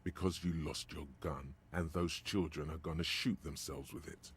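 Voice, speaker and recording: A very deep mocking inner voice. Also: male voice, fairly even intonation, normal speed, slight background noise. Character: deep gravelly male narrator and inner voice. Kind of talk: game narration. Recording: game audio with music behind.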